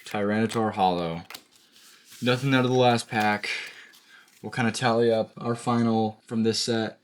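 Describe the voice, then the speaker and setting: In this card pack-opening video, the host speaks in a lowish voice, talking to the camera in a relaxed way. His speech is full of fillers and self-corrections, and he sounds slightly hoarse.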